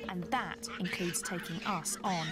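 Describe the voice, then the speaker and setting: A woman's voice: lowish voice, steady tone, unhurried. A woman giving scripted nature documentary narration as the presenter. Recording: music behind the voice.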